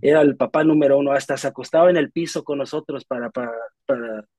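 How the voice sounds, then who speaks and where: A young man, a guest in a casual interview, telling animated stories with frequent restarts. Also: medium pitch, fast, no echo. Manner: animated storytelling with many restarts.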